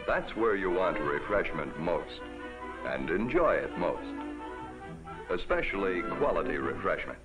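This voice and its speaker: A man narrating a 1950s TV commercial as a folksy, upbeat pitchman. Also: rough recording. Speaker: commercial announcer. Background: music.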